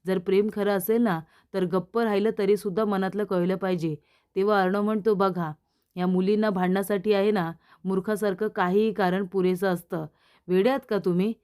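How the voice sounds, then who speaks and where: A woman's voice: medium pitch, fairly even intonation, a little fast, darkish tone, clean tone. Marathi woman retelling a TV episode. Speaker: serial recap narrator. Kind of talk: narrated episode recap with quoted dialogue.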